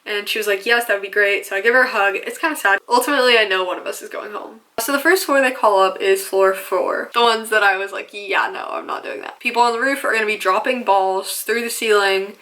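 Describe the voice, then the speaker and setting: A woman's voice: medium pitch, fast, few pauses, sharp tone. A young woman in college telling a chatty, self-mocking vlog story full of fillers. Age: young adult. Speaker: vlogger.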